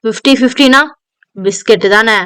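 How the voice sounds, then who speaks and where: A woman's voice: on the high side, normal speed, fairly bright tone, clean tone, no echo, natural voice. A woman voicing a drunk, self-pitying, volatile rich man who slurs and whines. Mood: drunk, whining. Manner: slurred, whining drunk talk.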